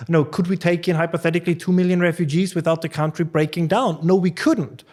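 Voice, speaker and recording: A man's voice: on the high side, fairly even intonation, fast talker, darkish tone. A man speaking as an academic guest, earnest and emphatic, often restarting his sentences. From Austria. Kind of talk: conversational interview.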